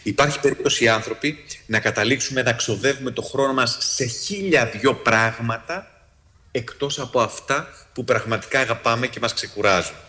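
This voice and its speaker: Lively and storytelling for a crowd, this male psychologist repeatedly starts over mid-sentence, and his voice jumps in pitch to mark quotations.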